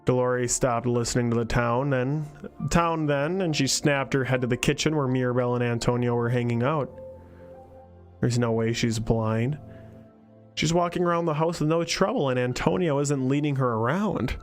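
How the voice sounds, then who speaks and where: A man's voice: medium pitch, moderate pace, soft background music. A tipsy man reading fan fiction aloud in a crude, mock-dramatic way.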